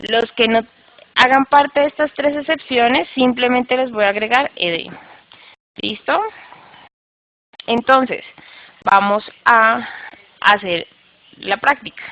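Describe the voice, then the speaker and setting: A woman's voice: a little high, slow, pauses often, lo-fi sound. A woman with a Colombian accent teaching English grammar online, explaining step by step and checking in often with her students. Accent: Colombian Spanish.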